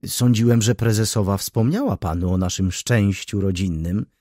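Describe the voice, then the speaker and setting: A man's voice: lowish voice, moderate pace, warm tone, no echo, clean studio sound, lightly acted. A man doing a chatty, fussy graying baron. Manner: talkative, ceremonious, addresses listener as "panie".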